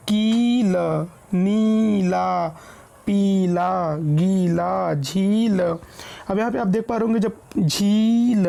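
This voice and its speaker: A woman with a low, gravelly texture to her voice and a mellow, dark tone. She teaches reading step by step, patiently spelling out each syllable before saying the whole word. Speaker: Hindi teacher.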